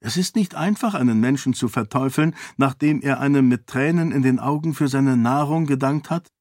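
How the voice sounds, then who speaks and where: A man's voice: mid-range voice, normal speed, darkish tone, dry recording, clean studio sound, pitched above the performer's own voice, lightly acted. A man voicing a resolute young noblewoman who talks earnestly and persuasively in an audiobook. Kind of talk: audiobook character voice.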